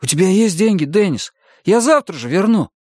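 Man doing a teenage boy, high voice, urgent, pleading, audiobook. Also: sing-song, brisk, a little mellow, dry recording, studio quality.

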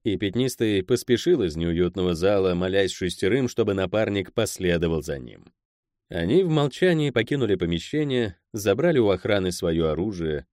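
A man narrating a fantasy novel in an expressive, lively reading. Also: deep voice, normal speed, no echo, studio quality. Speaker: audiobook narrator.

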